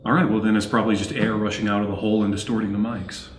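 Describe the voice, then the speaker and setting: A man playing a calm, sceptical investigator with a casual, dismissive manner, in found-footage horror film style. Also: on the low side, very fast, lightly acted. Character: calm, sceptical male investigator explaining things away. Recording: echoey room, clear background noise.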